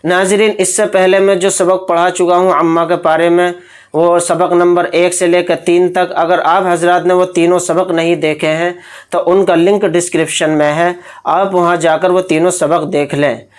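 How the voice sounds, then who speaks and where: A man's voice: sits high, little pitch movement, clean tone. A man teaching Quran recitation with tajweed, patiently explaining each rule step by step. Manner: patient, explains rules step by step, then chants verses slowly. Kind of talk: tajweed lesson with slow drawn-out recitation.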